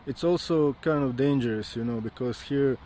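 Mellow man explaining outdoors. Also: medium pitch, moderate pace. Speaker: local guide. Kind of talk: casual explanatory talk. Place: outdoors in a town street. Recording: faint outdoor street and traffic noise.

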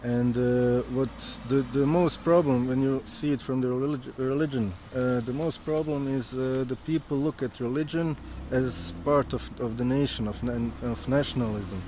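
Mellow man explaining outdoors. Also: mid-range voice, steady tone, moderate pace, hardly any pauses. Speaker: local guide. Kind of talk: casual explanatory talk. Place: outdoors in a town street. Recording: faint outdoor street and traffic noise.

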